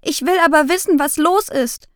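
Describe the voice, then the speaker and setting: A tearful young girl's voice, pitched high and pleading, as a woman reads her out. The sound is close and dry. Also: moderate pace, no room sound, natural voice. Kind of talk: audiobook reading.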